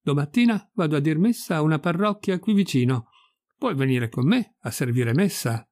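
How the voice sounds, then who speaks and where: A man's voice: on the high side, expressive, moderate pace, darkish tone. A man voicing a pompous older village priest who gives orders in a bossy, fussy way.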